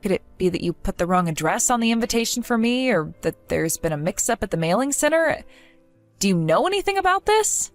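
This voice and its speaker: Earnest, wounded young woman, voiced by a woman; pleading, animated, fairly high. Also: fairly quick, faint music behind.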